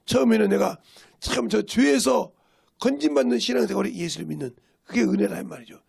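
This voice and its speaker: A man's voice: high voice, brisk, creaky, darkish tone, breathy edge. A male pastor preaching a sermon, pressing his points with emphatic rhetorical questions.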